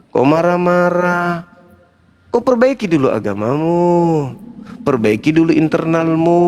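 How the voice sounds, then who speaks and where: A middle-aged man hosts a heated live debate with a voice pitched somewhat high for a man. He argues combatively and often turns mocking, laughing at the person opposite him. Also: darkish tone, a little hiss or hum. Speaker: debate show host, foundation founder.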